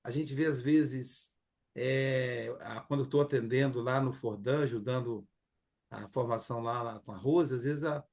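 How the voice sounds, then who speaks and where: A man's voice: mid-range voice, moderate pace, a little mellow. A middle-aged man with a Brazilian accent giving a conversational class lecture, full of fillers and acted quotes. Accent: Brazilian Portuguese. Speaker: teacher.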